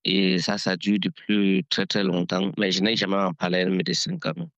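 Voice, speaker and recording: A man from Cameroon leaving a voice message for a radio show, his voice altered by a voice changer to hide who he is; he speaks haltingly. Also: sits low, creaky, fairly bright tone, no room sound, muffled recording. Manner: halting, plain description of symptoms. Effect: voice changer disguising identity. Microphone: phone voice message.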